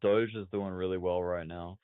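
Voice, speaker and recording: A man in a casual group chat who laughs in high bursts. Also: fairly even intonation, normal speed, clear, resonant tone, no room sound. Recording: tinny online voice call.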